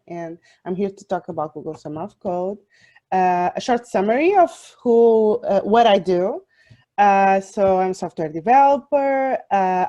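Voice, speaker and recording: A young woman from Portugal, a software developer, giving an online talk with many fillers and restarts. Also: mid-range voice. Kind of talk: online presentation.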